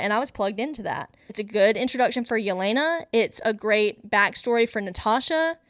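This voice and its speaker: A woman's voice: on the high side, a bit bright, no echo, studio quality. A woman hosting her own show, giving a casual, gushing movie review in a chatty way, full of fillers. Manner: gushing, enthusiastic fan talk. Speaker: host.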